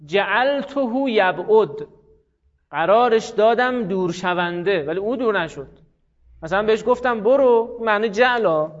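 In a muffled recording, a man with a high-pitched, animated voice teaches Arabic grammar in a classroom. He explains each step and poses questions to his students as he goes.

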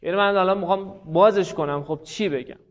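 In a high voice, a male teacher works through a grammar lesson in class, going step by step and repeating forms slowly. He quizzes students by name, and the sound quality is lo-fi.

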